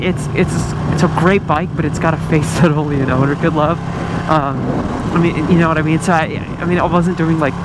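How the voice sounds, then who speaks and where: A man in his twenties from Nepal, chatting excitedly and casually while riding a motorcycle. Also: fairly high pitch. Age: 20s. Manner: excitable, chatty, lots of filler words. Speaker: motorcycle vlogger. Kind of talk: casual ride commentary. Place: outdoors riding a motorcycle in suburban traffic. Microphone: helmet-mounted mic with camera. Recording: loud wind and road noise.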